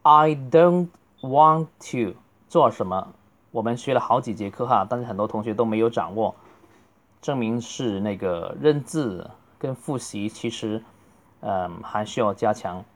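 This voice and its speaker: A middle-aged man, a native Chinese speaker, teaching a beginner English lesson and slowly drawing out each model phrase. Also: fairly low pitch. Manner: slow, drawn-out model phrases between quicker explanations.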